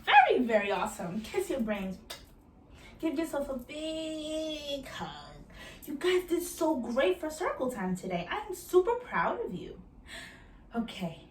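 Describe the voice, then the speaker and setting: Female preschool teacher, kids show host manner, high-pitched and encouraging, recorded roomy and a bit far from the mic. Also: big pitch swings, measured pace. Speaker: preschool teacher leading circle time. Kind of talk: children's educational lesson, asking questions to young viewers. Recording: roomy echo, distant mic, faint noise.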